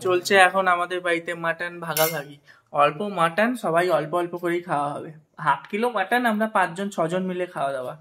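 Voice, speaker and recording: Guy in his 20s vlogging at home, talks quick and chatty to viewers. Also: on the high side, bright, forceful tone, slight background noise. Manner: chatty, addresses viewers directly. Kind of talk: casual family vlog narration. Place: family home, indoors.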